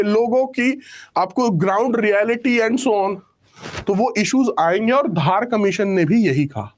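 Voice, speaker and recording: A young male teacher giving a live exam-prep class, explaining with rhetorical questions and English phrases mixed in. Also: high-pitched.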